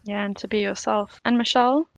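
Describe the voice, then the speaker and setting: Upbeat woman podcast host, gravelly edge. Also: mid-range voice, fairly even intonation, brisk, no echo. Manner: upbeat, encouraging. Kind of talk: scripted podcast introductions and questions.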